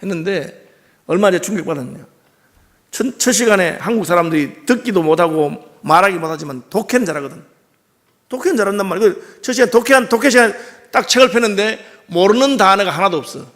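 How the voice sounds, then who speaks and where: High, gravelly Gyeongsang pastor preaching. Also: male voice, expressive, fast, fairly bright tone. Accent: Gyeongsang Korean. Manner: conversational preaching with frequent rhetorical questions to the congregation. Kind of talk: sermon. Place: church sanctuary.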